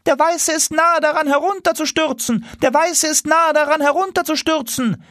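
A shrill jeering flock of wild geese. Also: male voice, normal speed, a bit bright, dry recording, clean studio sound. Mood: urgent calling. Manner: shrill, mocking calls.

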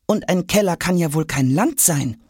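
A man's voice: a little high, animated, normal speed, a little mellow, breathy edge, no room sound, clean studio sound, pitched above the performer's own voice. A man doing a curious, impatient young boy. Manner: eager, pleading when upset. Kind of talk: audiobook character voice.

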